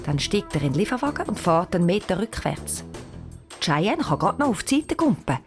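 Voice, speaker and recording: A woman with a Swiss German accent narrating a children's audio story in an expressive, storytelling manner. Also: lowish voice, moderate pace, over music.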